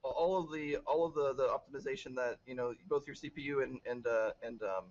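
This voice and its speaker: A man's voice: mid-range voice, brisk, darkish tone, lo-fi sound. A man who works as a game level designer, talking casually on a podcast, hesitant and full of fillers. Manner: hesitant, with many filler words.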